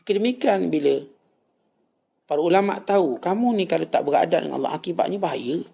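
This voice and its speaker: A man with a Malaysian Malay accent delivers a religious lecture, moving between storytelling and stern admonition. His voice sits slightly high and has a gravelly edge. The recording sounds dull and lo-fi. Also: expressive, brisk, mellow. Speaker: religious teacher. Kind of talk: Islamic lecture.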